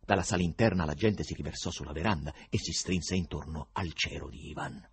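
A man reading a novel aloud as audiobook narration, in an expressive literary style. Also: deep voice, brisk, husky. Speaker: audiobook reader.

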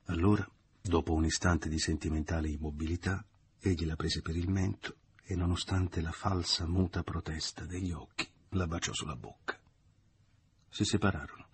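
Deep husky male audiobook narrator. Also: fairly even intonation, moderate pace, no room sound.

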